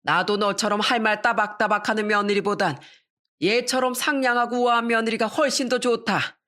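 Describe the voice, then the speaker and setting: A woman's voice: on the high side, steady tone, moderate pace, a bit bright, lightly acted. A woman voicing a stubborn, domineering older father-in-law with a scolding, self-righteous manner.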